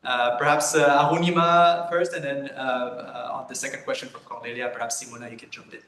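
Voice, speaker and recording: A man moderating a question session, speaking in a halting way and passing questions on to panelists. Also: medium pitch, fairly even intonation, fairly bright tone. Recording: echoey room with clear background noise.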